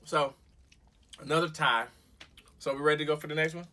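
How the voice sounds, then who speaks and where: A man's voice: fairly high pitch, fairly even intonation, brisk, pushed and bright. A man in his thirties, a father hosting in casual chat with a child, coaxing and explaining as he repeats instructions. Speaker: father hosting a candy challenge.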